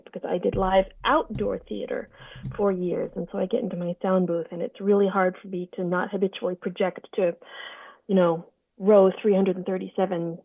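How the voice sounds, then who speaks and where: A woman voice actor talks casually on a video call from her sofa, telling stories with lively, theatrical flair. Her voice comes through a narrow, phone-like line that sounds tinny, and the sound is dry and close, with no room around it. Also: medium pitch, no room sound. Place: home sofa.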